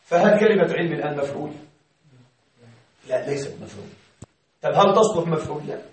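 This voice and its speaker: A man teaching Arabic grammar in a classroom, asking his students questions and repeating example sentences slowly. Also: a little high. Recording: echoey classroom from far off.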